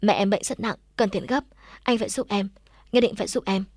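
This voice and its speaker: A woman's voice: mid-range voice, fairly quick, breathy edge, dry recording. Tearful young daughter, pleading, woman narrator voicing, dry close sound. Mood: distraught.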